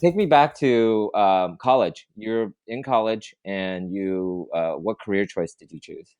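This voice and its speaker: A man's voice: on the low side, measured pace, darkish tone, smooth, no room sound. A man hosting a casual podcast interview, talking with lots of energy and enthusiasm and many fillers and restarts. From Vietnam. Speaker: podcast host.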